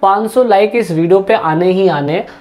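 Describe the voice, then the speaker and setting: A woman's voice: mid-range voice, normal speed, a little mellow. A woman teaching a history lesson online in a casual, chatty way, repeating key points and talking straight to her students, mixing in English words. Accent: Hindi-English mix.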